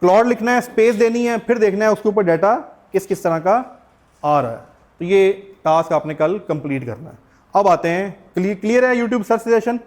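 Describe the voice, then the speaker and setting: High-voiced Pakistani man teaching a class. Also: moderate pace, a little mellow. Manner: explains step by step, asks the class questions. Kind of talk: classroom lecture.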